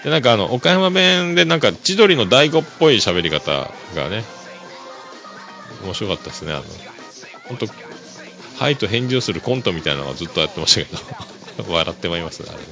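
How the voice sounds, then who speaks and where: Man, very low voice, gravelly, lively swooping pitch, easygoing solo podcast chat, dull lo-fi sound, music underneath. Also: quick pace. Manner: easygoing, chuckling, full of fillers. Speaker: podcast host. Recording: dull lo-fi recording. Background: music playing underneath.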